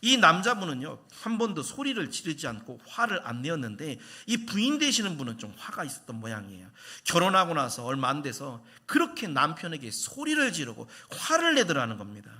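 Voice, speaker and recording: A man's voice: on the high side, wildly swooping pitch, fairly quick, hardly any pauses, sharp tone, slightly rough. A man preaching a Sunday sermon as senior pastor, telling stories and asking the congregation questions.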